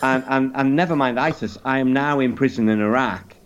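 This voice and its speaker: A man, a podcast guest, telling a story in an animated way, with lots of stammering restarts and swearing. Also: mid-range voice, brisk, lo-fi sound, slight background noise.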